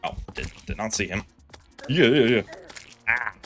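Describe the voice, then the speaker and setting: A man with a fairly low voice talks through his game as he plays, jumping from calm planning to frantic pleading at the screen. He pokes fun at his own mistakes, and soft game music plays underneath. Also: a little slow. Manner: self-deprecating, excitable, groans and pleads at the game. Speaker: gaming streamer. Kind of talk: live gameplay commentary.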